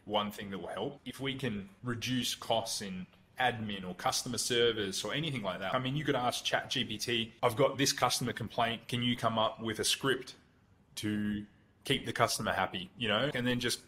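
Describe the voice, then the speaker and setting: A man of medium pitch talks in a loose, conversational way as a podcast guest. He calls himself blunt and slips into little acted-out examples of what he would type. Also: normal speed, bright, forceful tone. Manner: blunt, conversational, acts out sample prompts. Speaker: guest, Google Ads consultant. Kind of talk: casual podcast interview.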